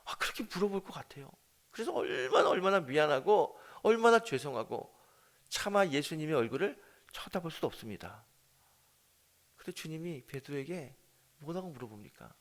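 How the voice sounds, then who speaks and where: A man, a senior pastor, preaching a dawn prayer sermon in a church with dramatic storytelling that swings between loud and soft. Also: fairly high pitch, animated, moderate pace. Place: church sanctuary.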